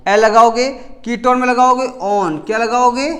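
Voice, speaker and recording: A man teaches a chemistry lesson in a relaxed classroom manner, speaking in a very high-pitched voice with fairly even intonation, a moderate pace, and a fairly bright tone. He poses questions and answers them himself, repeats key words, and frequently corrects his own slips.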